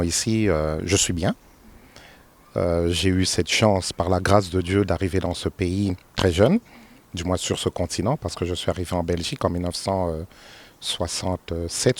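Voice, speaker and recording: A man in his fifties from Congo, answering interview questions with many pauses and fillers, rising emphatically on key points. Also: deep voice. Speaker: interview guest, politician.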